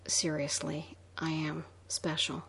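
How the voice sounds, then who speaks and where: A woman's voice: deep voice, completely flat delivery, takes it slowly, gravelly, bright, forceful tone, a little hiss or hum, exaggerated voice. Whispered role-play: a woman whispering as a purring vampire girl. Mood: teasing. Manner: purring, coy.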